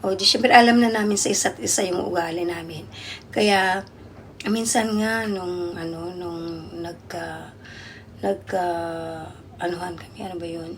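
A woman's voice: fairly low pitch, steady tone, a little slow, slight background noise. A woman from the Philippines who works abroad as a domestic worker, chatting casually to her viewers and rambling with many fillers and restarts. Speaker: overseas domestic worker vlogger.

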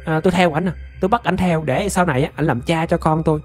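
A man voicing the stubborn, lovesick ghost of a pregnant woman in a spoken ghost story, talking slowly and pleadingly. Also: fairly high pitch, roomy sound, long reverb tail, faint music behind, close to an everyday voice.

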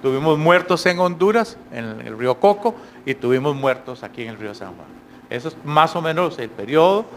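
Middle-aged male panelist, measured and hesitant, handheld mic, faint room hum. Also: fairly high pitch, animated. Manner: measured, frequent hesitations, rhetorical tag questions. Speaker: panel speaker. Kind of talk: academic panel talk. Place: conference hall, indoors.

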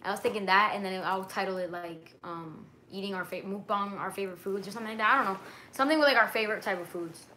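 Talking quickly in a bright, forceful, medium-pitched voice, this young Dominican-heritage vlogger livestreams from her bedroom at night under a blanket, with slight background noise. She's chatty, slangy, and swears freely as she reads out viewer comments, captured by a webcam or phone at arm's length.

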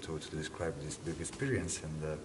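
Deep-voiced Italian-accented man. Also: a little fast, a little hiss or hum. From Italy. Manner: searching for words, many fillers. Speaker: dance artist. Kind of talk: interview answers. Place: dance studio, indoors.

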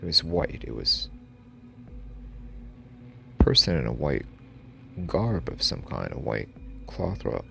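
A man telling a first-person horror tale in an extremely deep, gravelly voice, with a pitch that rises and falls a lot. He speaks haltingly and sinks to a hushed whisper at tense moments, with faint music underneath. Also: big pitch swings. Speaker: storyteller.

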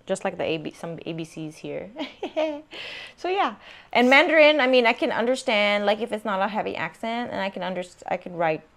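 A woman's voice: medium pitch, lively intonation, moderate pace, vocal fry, a bit bright. A young adult woman co-hosting a casual podcast over a video call, slangy and hopping between languages. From Macau. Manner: slangy, multilingual code-switching. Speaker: podcast co-host. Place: home room, recorded over video call.

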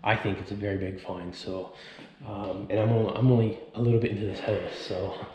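Fairly low-pitched and flat, a man in his thirties talks a little fast while vlogging his way through a vacant mansion's big rooms. He holds an action camera at arm's length, thinking aloud and exclaiming in awe; the audio is dull with a crowd audible behind him.

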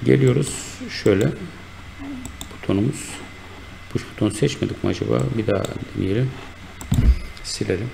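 Low gravelly man explaining step by step. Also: warm tone, slight background noise. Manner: unhurried, explanatory, with frequent fillers and self-corrections. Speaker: instructor. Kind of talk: screen-recorded software tutorial.

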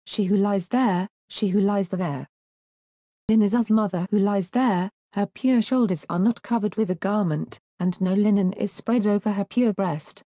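Storybook warrior king, male, stern instructions, mellow tone, dry sound, woman reader. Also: mid-range voice, moderate pace, dry recording, natural voice. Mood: instructing. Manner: lamenting, then commanding. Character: grieving proud young warrior king, male. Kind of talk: storybook reading.

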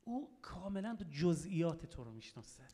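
A man's voice: on the high side, big pitch swings, dark tone, long reverb tail. A man interpreting a sermon live, phrase by phrase, with some fillers and restarts.

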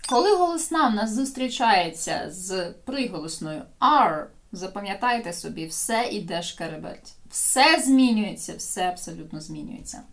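A woman teaching English in a video lesson, explaining in Ukrainian and modelling phrases slowly for learners to repeat. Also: medium pitch, animated.

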